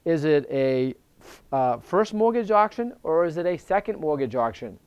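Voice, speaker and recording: A man, a real estate investor, telling stories and giving advice in a casual, animated way, acting out the dialogue. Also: a little high, moderate pace, smooth, muffled recording. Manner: animated, acts out quoted dialogue. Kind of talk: casual storytelling advice talk.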